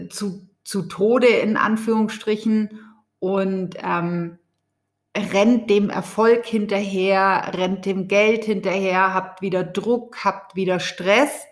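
Slow-talking woman podcast host. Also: medium pitch. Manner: speaks off the cuff with fillers, warm direct address. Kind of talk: spontaneous spiritual business podcast talk.

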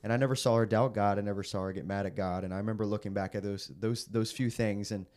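A young man preacher sharing his testimony in a casual interview, earnest and halting with frequent restarts. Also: on the low side, steady tone, darkish tone. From raised in the Philippines, American. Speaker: guest preacher.

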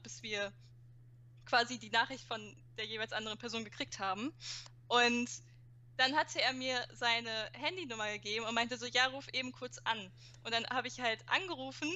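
A young woman with a high, bright voice chatting casually and telling stories. She acts out what people said and uses lots of youth slang. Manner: animated anecdote telling with acted-out quotes and youth slang. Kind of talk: casual storytelling chat.

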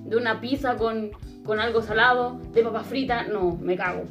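A young Chilean woman with a high voice, talking animatedly in a casual chat between friends. Her talk is quick and full of slang and laughter. The room is echoey, with guitar music playing behind.

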